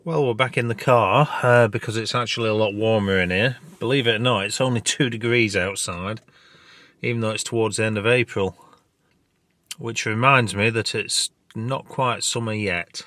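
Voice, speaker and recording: His voice is fairly low and a bit bright, with a moderate pace and no echo. He is a British landscape photographer and vlogger chatting casually over his photography vlog, with faint background noise behind him.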